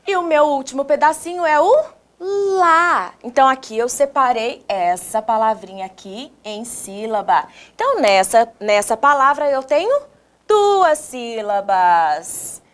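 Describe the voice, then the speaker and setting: A woman with a Brazilian Portuguese accent teaching young children in a recorded video lesson, sounding words out slowly, syllable by syllable, and asking the viewers questions in an encouraging, sing-song teacher voice. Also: high-pitched, animated, fairly bright tone. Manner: slow, exaggerated syllable-by-syllable pronunciation with questions to the viewers.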